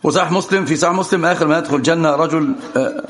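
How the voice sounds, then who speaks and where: A man giving a religious lesson to students, animated and teasing as he teaches. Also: a little high, racing, slight background noise. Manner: animated, teasing, often laughing.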